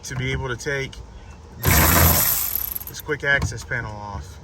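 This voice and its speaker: A man's voice: mid-range voice, measured pace, heavy background noise. A man giving a patient step-by-step car repair walkthrough, guiding a helper as he goes.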